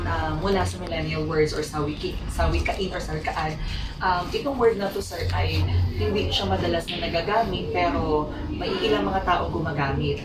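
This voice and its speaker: A young woman student politely interviewing people, rambling and tacking "ma'am" and "sir" onto nearly every phrase. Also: fairly low pitch. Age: young adult. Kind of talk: street interview questions. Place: school campus. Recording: echoey, distant mic, loud background noise.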